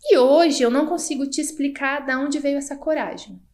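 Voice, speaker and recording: Lively woman telling her story. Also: sits high, brisk. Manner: animated storyteller, acts out quotes, frequent tag questions. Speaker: guest doctor. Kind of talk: casual interview storytelling.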